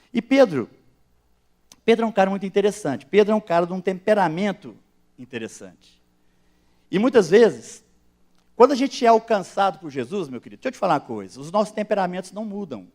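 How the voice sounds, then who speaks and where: A male pastor, preaching a sermon with animated, emphatic rises and direct address to his listeners. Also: sits high.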